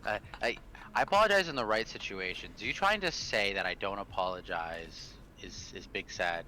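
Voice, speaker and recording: A man's voice: lowish voice, lively intonation, moderate pace, pushed and bright, a little hiss or hum. A man from Canada, chatting on a stream in a laid-back, joking way full of crude banter. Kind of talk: casual stream chat.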